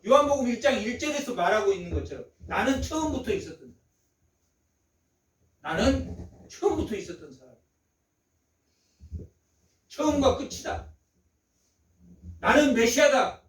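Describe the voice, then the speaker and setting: A pastor delivering a Sunday sermon in a notably high-pitched male voice. He drives his points home by repeating phrases and firing rhetorical questions at the congregation. The sound is roomy and slightly distant, as if picked up from across a church sanctuary. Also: a bit bright. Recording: echoey church hall, mic at a distance.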